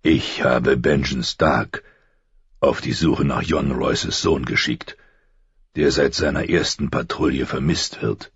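A man voicing a stern, weary old military commander with a deep, gravelly voice. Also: steady tone, slow pace, dry recording, dull audio, full character voice.

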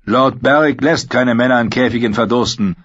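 A man reading an audiobook voicing an indignant soldier who speaks up loudly. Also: mid-range voice, moderate pace, breathy edge, pitched above the performer's own voice. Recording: dull lo-fi sound.

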